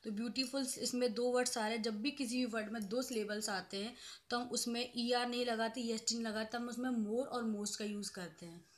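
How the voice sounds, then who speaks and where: A woman professor teaching a grammar lesson in a measured, even way. She walks through each rule step by step, drawing out the examples and saying them over again, with English terms mixed into her explanation. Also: a little high. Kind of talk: grammar lecture.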